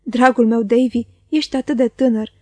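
A woman voicing a self-assured young gentleman student who talks with easy, teasing condescension. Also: a little high, steady tone, dry recording, lightly acted. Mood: teasing, amused.

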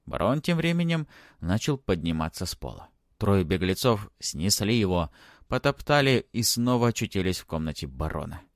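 A man reading a fantasy audiobook aloud in an expressive, dramatic way. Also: deep voice, moderate pace, no room sound, clean studio sound. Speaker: audiobook reader. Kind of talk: audiobook narration.

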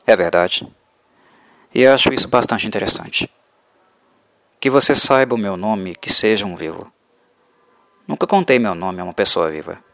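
A pale, ageless vampire, voiced by a man, speaks in a deep, slow, soft register full of quiet scorn. The delivery is dry and close, unhurried and untroubled by anger. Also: lively intonation, no echo. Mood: cold, mocking.

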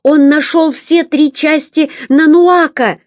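Ren, a woman doing a shrill frantic young girl. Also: steady tone, slow, darkish tone, no room sound, clean studio sound. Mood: pleading, desperate. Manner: pleading, indignant, high-pitched cries. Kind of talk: audiobook character voice.

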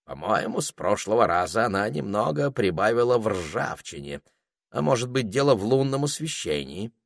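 A man's voice: on the low side, sing-song, moderate pace, gravelly, no room sound, studio quality, pitched above the performer's own voice. A man voicing a cheerful, teasing male parrot in a storybook reading. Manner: jaunty, teasing, soothing.

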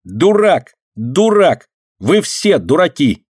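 A quick-tempered little girl, as a male narrator puts her on: shrill and indignant, high and raised above his usual voice. The sound is dry and close. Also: lively intonation, darkish tone, dry recording. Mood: furious.

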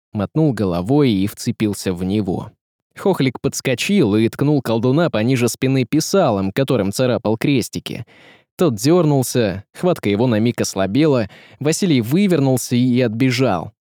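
A man reading an audiobook with lively, dramatic storytelling. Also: medium pitch, moderate pace, dry recording, clean studio sound. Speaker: audiobook narrator. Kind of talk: scripted audiobook narration.

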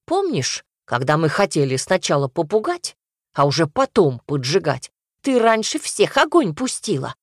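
A woman reads a scolding dragon head from a fairy tale. It grumbles and reproaches in a low, dry voice, always finding fault. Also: huge pitch swings, moderate pace, dry recording, heavily acted.

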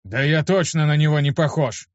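A man's voice: on the high side, moderate pace, no echo, voice pushed up, natural voice. Brief: male reader as a blunt, barking tough guy, raised voice, lo-fi and dry. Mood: shouting. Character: gruff adult man, irritable slum teacher. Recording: dull lo-fi dry recording.

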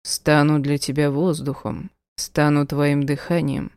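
A woman voicing a tender, teasing male werewolf in an audiobook, speaking softly, slowly and in a hush. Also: low voice, flat delivery, dry recording. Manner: soft, slow and hushed. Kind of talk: audiobook character voice.

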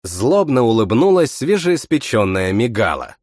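A man narrates a fantasy audiobook in the first person. His pitch swings widely as he tells it, and the recording is close and dry. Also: a little slow, no echo. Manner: expressive, voices every character himself.

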